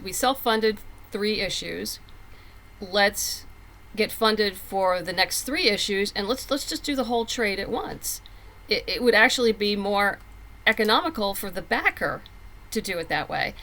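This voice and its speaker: A middle-aged comic book writer appears as a podcast guest, talking casually, chattily and candidly with emphatic phrasing. Her voice is medium-pitched with a fairly bright tone.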